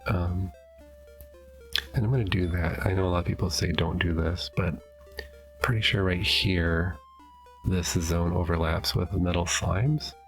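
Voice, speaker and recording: A middle-aged let's play host with a stuffy nose sniffles as he casually comments on his gameplay from his home basement. He thinks aloud, hesitant and self-correcting, in a low-pitched, steady voice that runs a little slow with frequent pauses, over soft background music.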